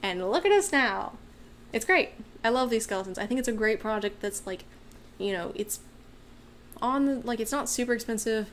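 A woman's voice: fairly high pitch, lively intonation, normal speed, a little hiss or hum. A woman hosting a casual livestream, rambling through viewer questions with many fillers, her voice getting worn. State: losing her voice. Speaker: livestream host and maker.

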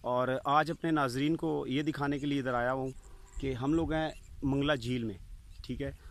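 A man in his forties reporting in a casual, enthusiastic vlog from a lakeshore, holding the phone at arm's length and filling his pauses with "uh". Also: mid-range voice, steady tone. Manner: chatty, enthusiastic, fills pauses with "uh". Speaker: vlogger reporter. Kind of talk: casual outdoor vlog commentary. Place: outdoors on a lakeshore. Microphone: phone camera at arm's length. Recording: noisy outdoor phone recording.

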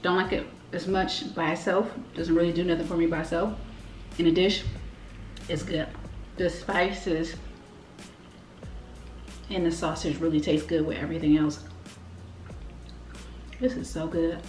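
A low-voiced woman talks through a mouthful of food, relaxed and plainspoken, humming "mm" as she tastes. Her voice carries some echo from the room, and faint music plays underneath. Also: unhurried, long pauses. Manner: relaxed, plainspoken, savoring bites with "mm". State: talking while chewing. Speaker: food reviewer. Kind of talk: casual food review.

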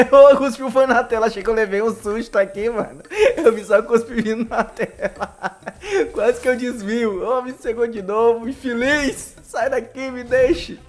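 A young man with a Brazilian accent giving excitable, slangy live commentary over gameplay and laughing often. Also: extremely high pitch, measured pace. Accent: Brazilian Portuguese. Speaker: gaming YouTuber.

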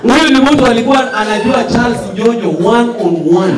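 A man's voice: extremely high pitch, expressive, a little fast, a crowd in the background. A man with a Kenyan accent delivering roast jokes on a stage. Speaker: comedian roasting on a panel. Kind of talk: comic roasting. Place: small indoor bar stage. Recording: echoey venue, distant, loud music behind.

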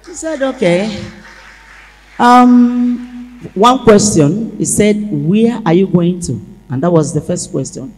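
A woman giving an animated church testimony, acting out the dialogue as she tells it. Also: mid-range voice, slow. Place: large church hall. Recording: echoey church hall.

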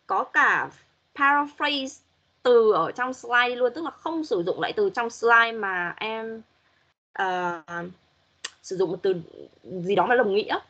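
A woman's voice: fairly high pitch, fairly bright tone, husky, muffled recording. A woman English teacher giving patient, corrective feedback to students in an online class, modeling pronunciation as she goes.

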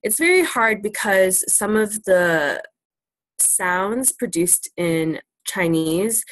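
In a medium-pitched, animated voice that's a bit bright, a young native English speaker talks slowly while teaching students about China over a laptop webcam video call. The virtual classroom Q&A is casual, her speech full of ums and likes, and the recording is dry.

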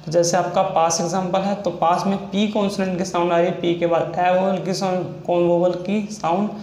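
A man's voice: high-pitched, level tone, brisk, a little mellow. A man teaching a shorthand lesson, explaining each step over and over. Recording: echoey room with faint noise.

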